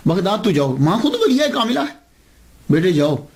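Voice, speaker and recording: A man's voice: high-pitched, big pitch swings, normal speed. A man voicing a tender elderly mother.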